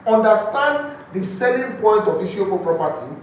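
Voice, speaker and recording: A man with a Nigerian accent and a high, expressive voice leads a live training lecture for a group as a real estate sales trainer, speaking at a moderate pace. He is emphatic, repeats key phrases, and puts rhetorical questions to his listeners. The room is echoey, the mic distant, and there's faint noise.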